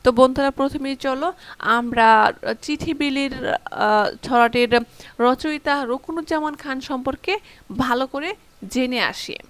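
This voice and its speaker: A woman's voice: sits high, a little slow, pauses often, no room sound. A young woman from Bangladesh teaching a school lesson, explaining step by step with frequent fillers and restarts. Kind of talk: online class lesson.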